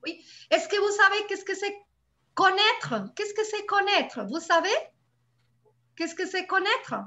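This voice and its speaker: Patient high-voiced woman teaching French. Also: expressive, sharp tone. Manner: patient, repeats words slowly and checks for understanding. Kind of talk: live online class teaching grammar.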